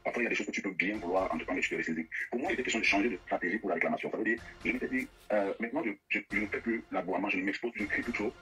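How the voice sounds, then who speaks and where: A man with a slightly low, bright voice tells his side of a dispute at a rapid clip. He is insistent and repeats himself, tripping over words as he presses on. Faint music sits behind him. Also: low-quality recording. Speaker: guest telling of a money dispute with an artist. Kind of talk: heated personal account.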